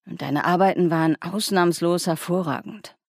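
A dry, distracted male university professor from a storybook, speaking in an unhurried, slightly absent way, voiced by a woman reading aloud. The voice sits low, and the sound is close and dead, with no room around it. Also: dry recording.

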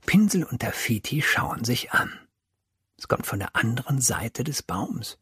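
A man narrating a children's audiobook, telling the story slowly and with life. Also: mid-range voice, slightly rough, no echo, studio quality. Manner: slow, lively storytelling.

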